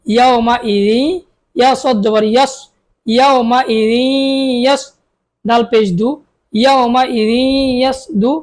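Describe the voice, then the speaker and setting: A woman with a Bangladeshi Bengali accent teaches Quran reading in a patient recitation drill. Her voice sits a little high as she spells syllables out, stretches them into long drawn sounds, and asks questions she answers herself. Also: steady tone, a little slow, pauses often, a little mellow.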